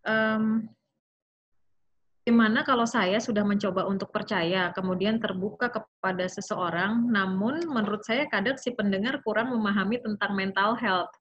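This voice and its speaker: A woman's voice: mid-range voice, a bit bright. A woman moderating an online webinar, announcing the Q&A and reading out audience questions politely. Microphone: video call. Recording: lo-fi video call audio.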